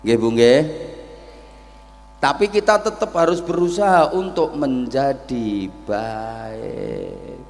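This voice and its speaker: A man's voice: mid-range voice, very animated, slow, creaky, long pauses, a little mellow, in a large hall. A middle-aged man with a Javanese accent preaching a humorous sermon at a religious gathering, theatrical and joking.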